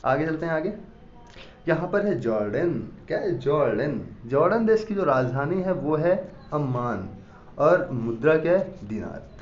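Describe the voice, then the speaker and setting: Male teacher who drills students by asking and answering his own questions. Slightly high voice, recorded in a roomy space with faint background hiss. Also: big pitch swings, a little slow. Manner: repeats questions and answers them himself. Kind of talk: classroom lecture with mnemonic stories. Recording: echoey, dull lo-fi room sound.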